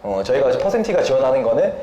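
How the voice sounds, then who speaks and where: A man with a mid-range voice speaks very animatedly at a racing pace, a crowd audible behind him. A software developer appearing as an interview guest, he politely explains a product, often humming briefly between phrases. The recording has a roomy echo and faint background noise.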